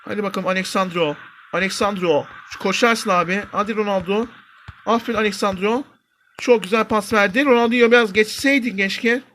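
A young man commentating his own football video game match, shouting and stretching player names as attacks build, muttering low when plays go wrong. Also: brisk, a little hiss or hum. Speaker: gaming YouTuber. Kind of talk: excited mobile football gameplay commentary. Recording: faint game music behind.

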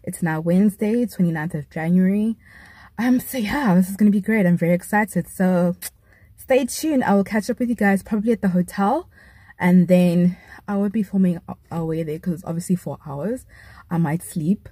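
A young woman in her twenties, a travel journalist talking casually and excitedly to her vlog audience in loose, rambling sentences. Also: lowish voice, normal speed, slightly rough, dry recording. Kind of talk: casual vlog talk to camera.

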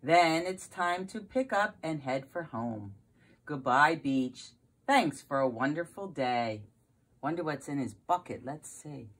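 Sounding much like a preschool teacher, a middle-aged woman reads a picture book to young children in a low voice. She keeps a relaxed pace while her intonation stays lively, full of exclamations and questions for the little ones, captured on a phone in a carpeted basement room at home.

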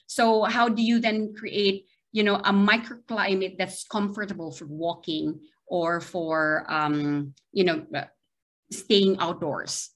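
Taking it slowly with fairly even intonation, a middle-aged Filipino woman delivers an online university seminar from a small video-call window. Her voice is medium-pitched and fairly bright; she's hesitant and keeps checking in with "right?".

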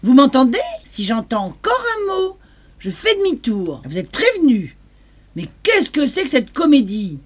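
A woman's voice: sits high, sing-song, moderate pace, slightly rough, heavily acted. A woman playing an exasperated, stern mother scolding her children in a dramatised story. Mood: angry, fed up.

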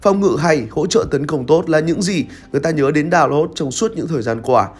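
A young man reads a scripted football review as a commentator, with a lively, dramatic storytelling delivery, recorded on a studio set with a lavalier mic. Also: on the high side, a little fast, slightly rough. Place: red studio set with screens. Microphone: lavalier mic on shirt.

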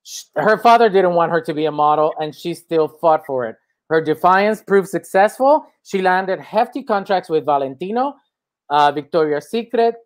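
A man's voice: sits high, lively intonation, normal speed. A man with a Spanish accent hosting a casual chat show, playful and rambling with theatrical flair, over a video call. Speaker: host.

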